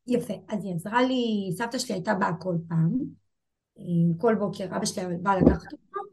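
A woman in her twenties telling a painful personal story as an interview guest, halting and repeating herself. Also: mid-range voice, vocal fry, a little mellow. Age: 20s. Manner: halting, repeats herself, voices rise and fall with emotion.

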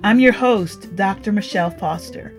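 A woman's voice: medium pitch, faint music behind. Earnest woman podcast host. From Guyana. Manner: measured, earnest storytelling. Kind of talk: scripted personal monologue.

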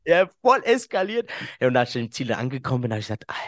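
A man's voice: mid-range voice, big pitch swings, quick pace, a bit bright, no room sound, clean studio sound. A man, a podcast guest who tells a story in casual chat, laughs often and acts out what people said.

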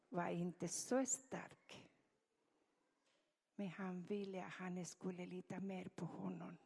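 A woman's voice: mid-range voice, gravelly, a little mellow, breathy edge. A woman with a delivering an earnest sermon and reading scripture, often saying amen. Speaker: preacher. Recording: echoey hall with long reverb.

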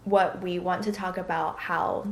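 A woman's voice: lowish voice, steady tone, unhurried. A young woman in her twenties chats casually as a podcast co-host, talking loosely with plenty of fillers. Her voice carries some room echo. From Hong Kong. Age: 20s. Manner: chatty, with frequent fillers. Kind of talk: casual chat. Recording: roomy echo.

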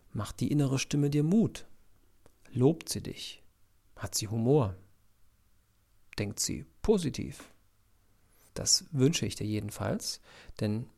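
Gravelly man coaching students. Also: mid-range voice. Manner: calm, direct second-person address. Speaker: learning coach. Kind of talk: scripted podcast lesson for students.

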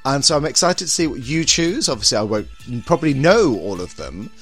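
Campy drag queen man, swooping lively delivery. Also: mid-range voice, fairly quick, husky, soft background music. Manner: campy drag queen, theatrical endearments and gushing. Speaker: podcast co-host and drag queen horror presenter. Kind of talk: podcast banter and show introduction.

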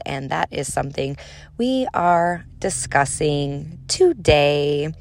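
Low-voiced woman hosting a podcast. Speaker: podcast host and motivational speaker. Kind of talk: casual solo podcast talk.

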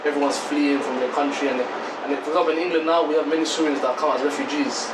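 A man's voice: a little high, fairly even intonation, fast talker. A man from Somalia, the guest of an interview, speaking in a casual, chatty way with many fillers and repeated words, outdoors near a construction site. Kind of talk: casual conversation. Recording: distant, echoey, loud construction noise. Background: construction noise.

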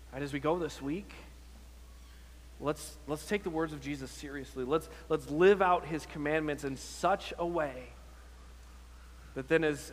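On a sermon recording with long hall reverb and a little hiss or hum, a man whose voice runs on the high side preaches as a pastor. He's earnest and exhortative, posing rhetorical questions and repeating his phrases often.

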